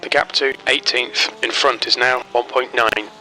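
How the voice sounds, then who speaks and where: A man voicing an automated race spotter who gives short, clipped radio calls about gaps and traffic in an even, businesslike way. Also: mid-range voice, measured pace, soft background music, low-quality recording. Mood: terse.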